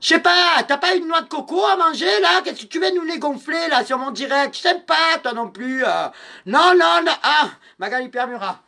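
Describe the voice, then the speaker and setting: Bright-voiced man teasing his live viewers. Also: extremely high pitch, expressive, moderate pace, creaky. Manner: teasing, mock-insulting viewers by name; theatrical, swings between muttering and shouting. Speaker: live-stream clothing seller. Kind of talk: live-selling stream chat.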